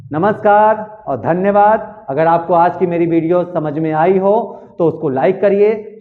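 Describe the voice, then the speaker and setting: A man teaching a Hindi grammar lesson, repeating words and asking questions he then answers himself, speaking to viewers as if they were children. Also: high voice. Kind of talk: classroom-style grammar lesson. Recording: tinny phone-like audio.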